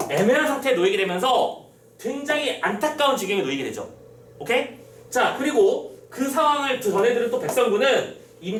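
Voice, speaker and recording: A male teacher tells a classic tale in an exam-prep lecture. He speaks in a high, lively voice and acts out the characters' lines. The room echoes, the mic is distant, and faint room ambience sits behind him. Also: a little hiss or hum. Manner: animated storytelling, acting out quotes.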